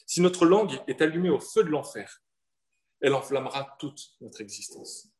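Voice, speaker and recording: A man from southern France preaching a sermon in an earnest manner, with rhetorical questions and slowed-down emphasis. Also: fairly high pitch, lively intonation, a little mellow. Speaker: pastor.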